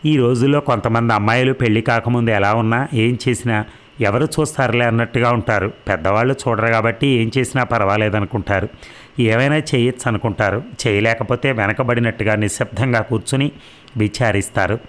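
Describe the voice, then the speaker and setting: A man narrating a novel aloud in a measured, reflective way. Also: medium pitch. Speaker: audiobook narrator.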